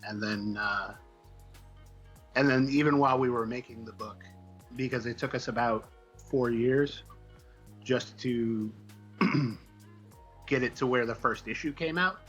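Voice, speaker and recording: A comic book writer from the Midwestern United States recounts stories casually as an interview guest, halting and drifting between points. His medium-pitched, slightly bright voice moves at a measured pace with long pauses. The recording is muffled, with faint music behind.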